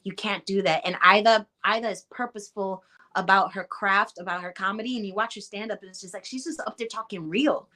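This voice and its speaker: Guesting in a casual chat, this Chicago Puerto Rican actress talks with passion and emphasis, performing the reactions she quotes. Her mid-range voice moves fairly quickly, sounding bright and forceful.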